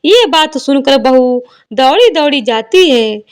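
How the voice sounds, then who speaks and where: A woman narrating a devotional folk tale in a steady, measured storytelling manner. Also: sits high.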